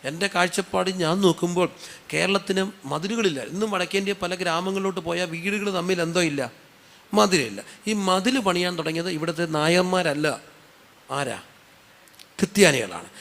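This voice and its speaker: A man's voice: high voice, a bit bright, in a large hall. A man with a Malayali accent preaching a sermon, putting questions to his listeners and answering them himself, with conversational, humorous asides.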